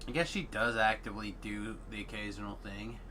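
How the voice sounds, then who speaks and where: A man's voice: fairly low pitch, steady tone, fairly quick, background noise. A man streaming a video game, chatting casually as he plays. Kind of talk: casual gameplay chat.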